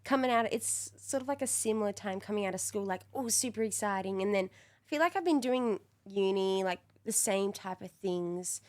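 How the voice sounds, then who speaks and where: A woman's voice: mid-range voice, lively intonation, moderate pace, a little mellow. A young Australian woman in her early twenties talks as a podcast guest. She is chatty and candid, giggling easily as she speaks. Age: 20s. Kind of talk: casual interview chat.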